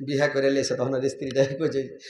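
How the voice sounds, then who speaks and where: Male preacher, lively sermon, humorous, acts out dialogues, echoey PA sound. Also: medium pitch, a little fast. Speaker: Islamic preacher. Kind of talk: lively sermon at a religious gathering.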